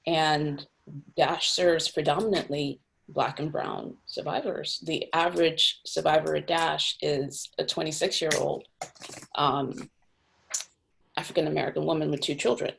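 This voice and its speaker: A woman's voice: low-pitched, steady tone, unhurried, vocal fry, fairly bright tone, a little hiss or hum. A young adult woman from Cameroon, a nonprofit executive director, speaking thoughtfully in a video-call interview with frequent fillers and restarts.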